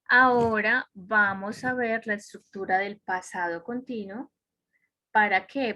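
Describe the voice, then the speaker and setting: A woman's voice: mid-range voice, sharp tone. A woman teaching an online English grammar class, explaining step by step and checking in with her students. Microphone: computer microphone on a video call.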